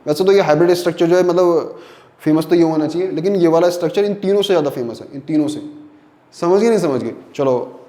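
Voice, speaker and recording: A man's voice: on the high side, quick pace, mellow, echoey room. A man teaching a chemistry lesson in Hindi, explaining step by step and often checking whether students follow. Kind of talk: online lecture.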